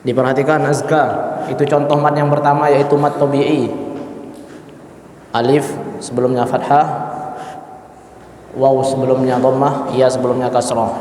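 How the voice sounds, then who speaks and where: A man's voice: medium pitch, level tone, normal speed, long pauses, a little mellow, slight background noise. A middle-aged man with an Indonesian accent teaching a Quran recitation lesson in a mosque, quizzing students by name and repeating his questions. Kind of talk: classroom tajwid lesson. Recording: echoey hall, faint room ambience.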